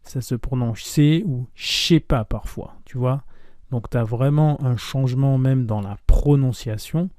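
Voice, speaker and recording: A man teaching spoken French in a casual lesson, saying each phrase carefully and then again in quick, clipped everyday form. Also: medium pitch, mellow, no echo, studio quality. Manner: repeats phrases slowly, then in fast clipped native form.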